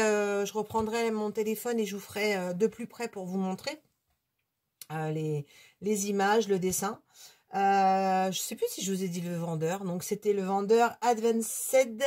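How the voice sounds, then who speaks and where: A woman's voice: mid-range voice, a little mellow. A woman hosting her own hobby channel at home, giving a casual, unscripted product review in a chatty, hesitant way full of fillers.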